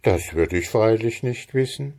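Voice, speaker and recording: A man's voice: lowish voice, expressive, unhurried, warm tone. A man voicing an honest but shrewd young peasant lad, talking plainly while playing the simpleton, in an audiobook. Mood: feigned naive. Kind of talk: audiobook character voice.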